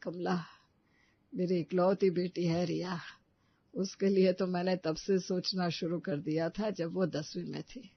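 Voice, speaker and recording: A woman voicing a gentle quiet old father. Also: lowish voice, steady tone, unhurried, lo-fi sound.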